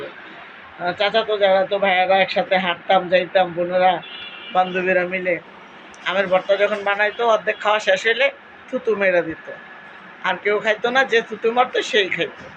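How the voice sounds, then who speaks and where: A woman's voice: mid-range voice, a bit bright, dull audio, a little hiss or hum. Rambling woman with Cumilla Bengali accent. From Cumilla, Bangladesh. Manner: rambling, nostalgic storytelling with fillers. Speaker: vlogger. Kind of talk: casual chat to followers.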